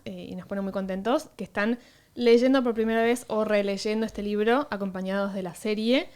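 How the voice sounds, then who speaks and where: A woman's voice: medium pitch, clean tone. A woman co-hosting a podcast, explaining things in a casual, conversational style. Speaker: podcast co-host.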